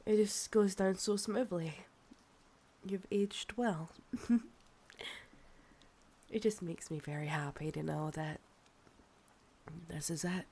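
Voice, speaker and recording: An actress plays an ancient Scottish vampiress, thousands of years old and insatiable, for an ASMR roleplay, her female voice a little mellow and speaking in a low, gravelly murmur that often sinks into breathy whispers. She is unhurried, coaxing and sighing, possessive yet soothing and sickly, with a savouring, intimate mood.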